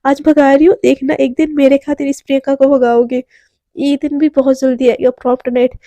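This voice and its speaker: A woman's voice: high-pitched, flat delivery, fairly quick, warm tone, no room sound. A woman voicing a jealous, pushy young woman who speaks insistently. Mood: vengeful.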